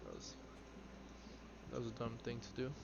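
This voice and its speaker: A man's voice: medium pitch, huge pitch swings, normal speed. A twenty-two-year-old man chatting casually on a live game stream, rambling with lots of fillers as he answers viewers. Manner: rambling, filler-heavy, answers chat offhand. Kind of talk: casual live-stream chat while playing. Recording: slightly dull audio with clear background noise.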